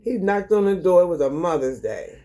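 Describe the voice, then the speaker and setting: A woman's voice: lowish voice, lively intonation, brisk, dark tone. Older woman with a Baltimore accent. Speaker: mother sharing memories. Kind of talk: casual chat, storytelling.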